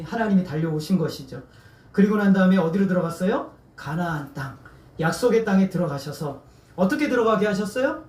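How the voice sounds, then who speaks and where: Heard distantly in an echoey church sanctuary, a man preaches a sermon as pastor in a high, slightly mellow voice. He quizzes the congregation, has them answer back, and leads them in repeating words.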